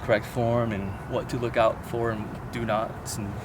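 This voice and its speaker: Laid-back lower-voiced man. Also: level tone, normal speed, very noisy. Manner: laid-back, slangy, trailing off. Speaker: fitness coach. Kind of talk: casual chat.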